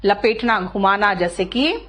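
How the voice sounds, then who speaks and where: A woman's voice: medium pitch, fairly bright tone. A woman teacher, lecturing an online class, checking often whether students follow and calling on them by name. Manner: explains slowly, checks often with "clear?" and "है ना". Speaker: English teacher.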